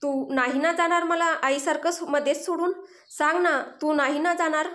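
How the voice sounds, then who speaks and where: A woman's voice: sits high, steady tone, moderate pace, fairly bright tone, voice pushed up. A woman voicing a fragile, grieving young woman who pleads through tears and stammers over her words in a story reading. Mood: tearful pleading. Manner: tearful, pleading, stammering repeats. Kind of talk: Marathi audio story dialogue.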